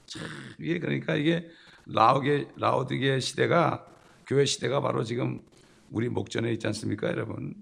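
A man preaching a sermon, emphatic, with sudden loud bursts and rhetorical questions to the congregation. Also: mid-range voice, moderate pace, gravelly, breathy edge. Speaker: pastor.

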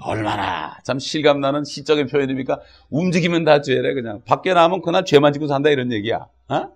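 With a mid-range voice and lively intonation, a middle-aged man preaches quickly in his role as pastor. The sermon is casual in tone, sprinkled with asides, and he voices the quotes and prayers himself.

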